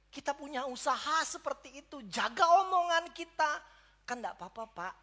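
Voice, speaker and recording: Bright-voiced man preaching a sermon. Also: fairly high pitch. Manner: addresses the congregation directly, rising to emphatic peaks. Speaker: pastor. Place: church service.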